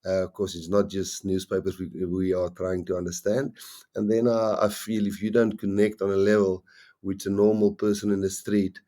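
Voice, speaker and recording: A middle-aged South African rugby coach with a strong Afrikaans accent chats casually on a live stream in a deep, mellow voice with a flat delivery. He rambles and halts, restarting his sentences often.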